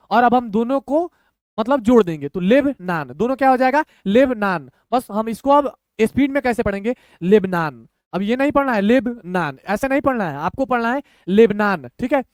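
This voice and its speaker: Guy teaching hindi reading, very high smooth voice, sounds out each syllable slow and patient. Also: no echo, clean studio sound. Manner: slow, patient, breaks words into syllables, repeats "thik hai". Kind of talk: online lesson, syllable-by-syllable reading.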